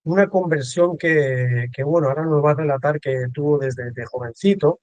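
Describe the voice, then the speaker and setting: A man hosting a casual video-call interview, talking in a warm way with many restarts and repeated words. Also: a little high, normal speed, no room sound, muffled recording. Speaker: host.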